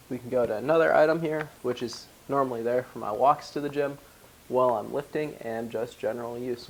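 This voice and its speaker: His voice is mid-range, creaky and a little mellow, captured in poor audio with slight background noise. He's a young Wisconsin powerlifting vlogger, congested and a bit hoarse, chattily going over his gym bag contents and their ingredients in a casual product walkthrough.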